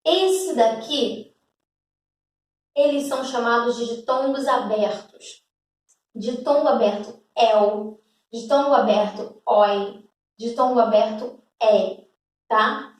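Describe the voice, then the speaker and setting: A slow, patient woman teacher with a Brazilian accent and a somewhat high voice. She repeats her examples and keeps checking that the class follows. Her voice rings in an echoey room, heard from some distance from the mic. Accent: Brazilian Portuguese. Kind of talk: grammar lesson.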